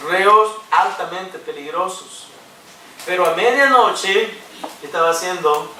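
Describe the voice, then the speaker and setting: A man's voice: high-pitched, measured pace, bright, forceful tone, slight background noise. A male pastor preaching a sermon, joking and dropping English fillers into his teaching. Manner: jokey, mixes in English fillers. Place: church hall. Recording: roomy room sound from a distance.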